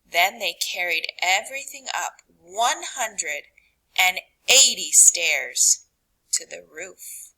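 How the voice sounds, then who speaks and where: A woman reading a picture book aloud to children, with dramatic, deliberate phrasing that drops to a hush and rises for emphasis. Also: fairly low pitch, lively intonation, breathy edge, low-quality recording. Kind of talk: expressive read-aloud narration for children.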